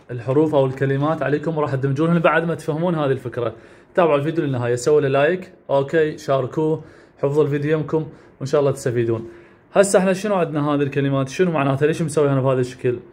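Man, Iraqi Arabic accent, teacher, beginner reading lesson, slightly high voice, slow syllable-by-syllable drills. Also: darkish tone.

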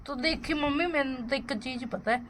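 A woman's voice: high voice, brisk, background noise. A woman chatting casually while cooking, exclaiming and repeating her phrases. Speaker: family vlogger.

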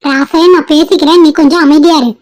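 A woman's voice: high voice, steady tone, fairly quick, darkish tone, close to an everyday voice. A woman voicing a middle-aged mother in a cartoon family drama, firm and protective of her new daughter-in-law. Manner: firm, pleading, scolding.

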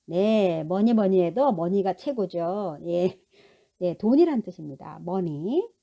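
A woman teacher giving a recorded English lesson to adult learners. She talks patiently, repeats each sound slowly, and asks and answers her own questions. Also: fairly low pitch, expressive, vocal fry, dark tone, muffled recording.

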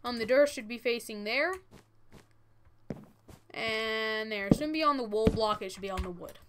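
Talking at normal speed in a medium pitch, the 13-year-old gaming tutorial host walks through each step informally, swapping w for r. Keyboard and mouse clicks make the audio noisy.

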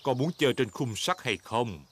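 A man voicing a jolly, caring daddy pig with a gentle, expressive manner and a southern Vietnamese accent in a dubbed cartoon. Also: medium pitch, moderate pace, background noise, natural voice. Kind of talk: dubbed preschool cartoon acting. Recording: children's music bed behind.

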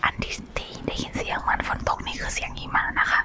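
A woman speaks in a breathy, unvoiced whisper, chatting casually and politely to listeners as an ASMR host. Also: fast talker. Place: outdoors on a balcony in falling snow.

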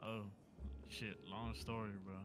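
A man playing in a game roleplay, mumbling his story quickly and flatly. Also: lowish voice, background noise. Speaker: fellow roleplay player.

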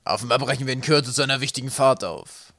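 A man voicing a tense, high-voiced male sky pirate. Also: quick pace, pushed and bright, no echo, studio quality, natural voice.

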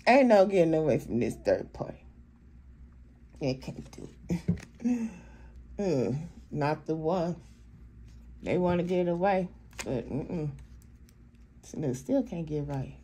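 Low, husky woman reading tarot. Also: lively intonation, mellow. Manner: blunt, profane, laughs often, talks to spirits; halting, with many fillers. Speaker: tarot reader.

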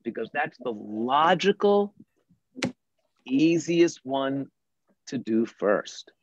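In an online class, a math teacher patiently and deliberately explains a puzzle to young children. The voice is mid-range with big pitch swings, recorded with no room sound and with the high frequencies cut off.

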